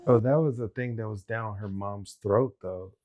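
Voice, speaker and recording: A man's voice: fairly low pitch, moderate pace, darkish tone. A man co-hosting a show reaction, talking in a casual, musing, questioning way.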